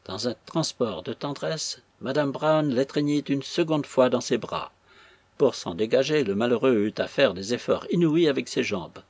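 Male audiobook narrator, husky, dry close mic, measured storytelling. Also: medium pitch, expressive, darkish tone, dry recording.

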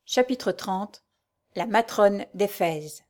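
A woman's voice: mid-range voice, animated, slow, darkish tone, faint music behind. Woman reading a novel aloud. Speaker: narrator. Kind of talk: audiobook narration.

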